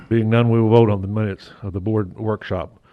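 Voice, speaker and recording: A low-voiced man runs a council meeting as mayor, his words muffled through a face mask. He stops and restarts with plenty of fillers and slips in a light joke now and then. The sound is dull and dry, with no room around it. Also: fairly even intonation, normal speed, no room sound. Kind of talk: chairing a city council meeting.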